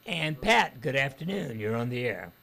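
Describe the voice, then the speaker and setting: A man's voice: mid-range voice, big pitch swings, normal speed, gravelly, sharp tone. Outspoken male talk radio host. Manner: blunt, outspoken opinions.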